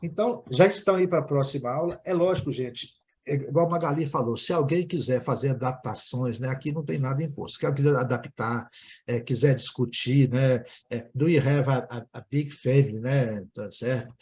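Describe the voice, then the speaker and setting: Teaching an English class online, a Brazilian Portuguese-speaking man explains at length and tacks a quick "né?" onto almost every phrase. His voice is medium-pitched and darkish, and the recording sounds muffled.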